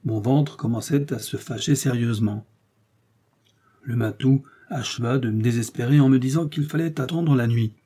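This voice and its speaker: A man reading a short story aloud as narrator, in a measured storytelling manner. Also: medium pitch, mellow. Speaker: audiobook reader. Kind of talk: scripted narration.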